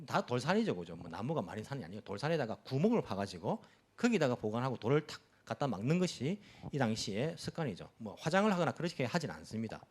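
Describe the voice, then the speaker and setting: A man preaching a sermon at a church service as pastor, asking the congregation rhetorical questions and explaining with everyday examples. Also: mid-range voice.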